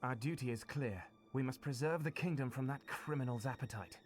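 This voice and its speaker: An actor playing a noble, loyal outlaw hero in a video game, earnest and formal. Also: male voice, medium pitch, fairly quick, faint music behind, lightly acted. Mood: resolute.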